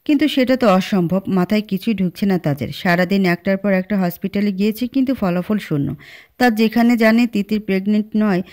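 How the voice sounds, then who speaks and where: A woman reading a romantic drama story aloud in a steady, even narration. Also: medium pitch.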